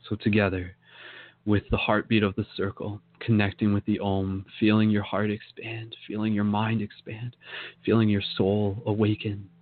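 A man leading a guided meditation in a slow, soothing manner, speaking to the listener in the second person. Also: fairly low pitch, monotone, phone-quality sound.

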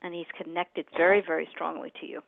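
A woman's voice: deep voice, flat delivery, fast talker, vocal fry, no room sound. A woman working as a psychic medium, talking casually and directly in short bursts as she gives live readings to callers. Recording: narrow band, phone-like audio.

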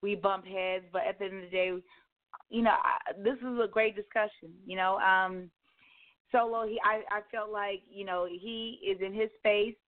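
A woman's voice: mid-range voice, steady tone, normal speed. A woman hosting a radio talk show, speaking candidly and casually, repeating points for emphasis. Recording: slightly dull lo-fi audio.

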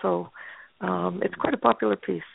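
Older woman guest artist, gravelly, chatty storyteller; tinny phone-line audio. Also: fairly low pitch, steady tone, moderate pace, dry recording. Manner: chatty, anecdotal, frequent fillers. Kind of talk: casual interview storytelling.

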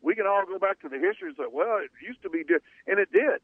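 Male sports-talk host, slightly high voice, argues his points, thin tinny broadcast crackling with fuzz distortion. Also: expressive, fast, vocal fry, dry recording. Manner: opinionated, conversational, rhetorical questions. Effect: fuzzy, distorted radio signal. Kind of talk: sports talk radio chat.

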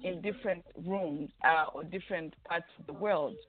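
A man's voice: on the high side, normal speed. A man co-hosting a casual radio chat over a tinny, narrow phone line. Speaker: radio show co-host.

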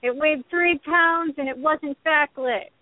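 High-voiced woman on a tinny line. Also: takes it slowly, no echo. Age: 30s. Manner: chatty, rambling with restarts. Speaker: podcast co-host. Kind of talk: casual chat.

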